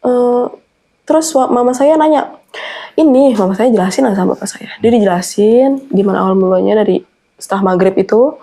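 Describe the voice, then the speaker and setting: A woman's voice: medium pitch, creaky, mellow. A young adult woman telling a personal horror story in an earnest, anxious way. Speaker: guest storyteller.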